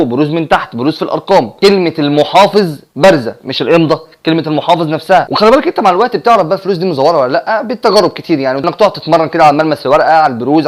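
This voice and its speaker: Rapid-fire Egyptian man vlogging. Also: a little high. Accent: Egyptian Arabic. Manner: lively, chatty, jokey storyteller. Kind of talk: explanatory vlog talk with a personal story.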